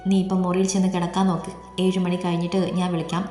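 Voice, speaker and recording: A woman's voice: fairly low pitch, flat delivery, quick pace, close to an everyday voice. Woman reading a fussing worried mother. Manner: coaxing, motherly questions. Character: worried middle-aged mother, gentle and fussing. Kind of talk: read-aloud story dialogue. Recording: echoey room, long reverb, soft music.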